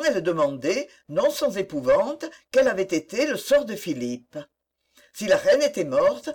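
Audiobook narrator: husky, expressive, measured storytelling. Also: medium pitch. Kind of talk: audiobook narration of a historical novel.

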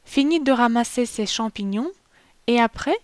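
A woman reading a short story aloud in a measured, calm storytelling manner. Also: a little high, no room sound. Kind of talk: storybook narration.

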